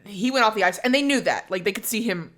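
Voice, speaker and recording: A young woman co-hosting a casual podcast, her voice sitting at an ordinary middle pitch. She tells stories in a chatty, easygoing way. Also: expressive, quick pace, a bit bright. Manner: chatty storyteller, laughs often. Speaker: podcast co-host. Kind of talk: casual chat.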